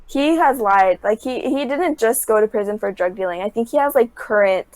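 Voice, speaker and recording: A woman's voice: on the high side, animated, normal speed, darkish tone, no echo, low-quality recording. Chatty young woman, lots of fillers. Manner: rambling retelling, constant "like" fillers. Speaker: guest. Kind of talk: casual chat.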